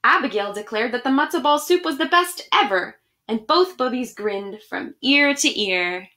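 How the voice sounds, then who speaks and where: A woman in her thirties, an education director, reads picture books to children online from a small room at home, talking straight to her young audience. Her slightly high voice sounds pushed and bright, animated and expressive at a normal speed.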